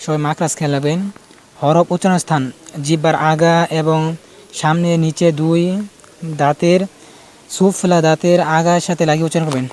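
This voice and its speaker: A man's voice: on the high side, level tone, brisk, pauses often, darkish tone. A man teaching Quran pronunciation in a casual spoken lesson, repeating letter sounds and explaining where each is made in the mouth.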